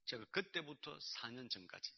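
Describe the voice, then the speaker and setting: Animated male pastor preaching a sermon. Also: mid-range voice, moderate pace, gravelly, breathy edge. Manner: animated storytelling, acting out dialogue. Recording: dull lo-fi sermon recording.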